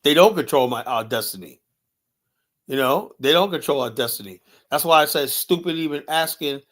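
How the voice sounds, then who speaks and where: An American man hosts a live stream, arguing in blunt, profane commentary stuffed with "you know." His voice is on the high side and a bit bright, with lively intonation and a moderate pace.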